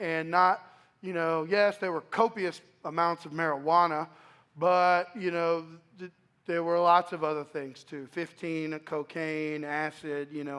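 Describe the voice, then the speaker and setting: A man in his forties from East Dallas, Texas, speaking at a church microphone and telling his life story in a halting, reflective way with many restarts. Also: a little high, fairly bright tone, smooth. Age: 40s. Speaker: guest speaker sharing his testimony. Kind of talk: personal testimony talk. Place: church sanctuary. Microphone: microphone at a pulpit.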